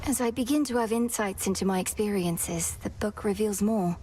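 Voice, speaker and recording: A woman's voice: mid-range voice, moderate pace, warm tone, slight background noise, close to an everyday voice. An actress playing an earnest, polite, determined young witch princess in a video game.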